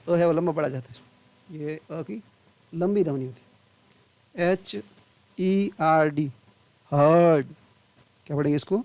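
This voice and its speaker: A man's voice: a little high, unhurried, pauses often, darkish tone, no room sound. A man teaching English pronunciation, spelling words letter by letter and drawing each sound out, then asking questions and answering them himself. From India.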